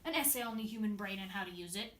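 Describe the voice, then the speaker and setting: A woman's voice: medium pitch, lightly acted. A woman voicing young Sherlock, a clever, bored, know-it-all boy, acting in an amateur audio drama. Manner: cocky, excitable, quick to complain of boredom. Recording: roomy echo, faint noise.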